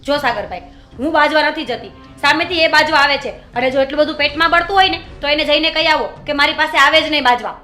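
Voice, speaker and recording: An actress plays a sharp-tongued young sister-in-law who answers back indignantly. Her voice is high and bright, and it rings in an echoey room. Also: quick pace, soft background music. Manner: retorting, indignant.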